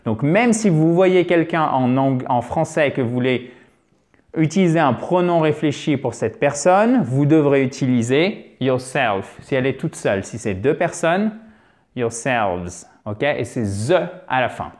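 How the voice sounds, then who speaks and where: A man teaching an English lesson on video, lively and emphatic, often addressing his viewers as dear friends. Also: mid-range voice, normal speed.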